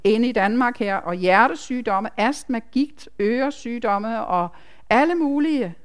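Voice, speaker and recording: A woman's voice: a little high, expressive, clean tone. A woman, a nurse, giving a chatty, emphatic personal testimony to a congregation, with asides to the listeners.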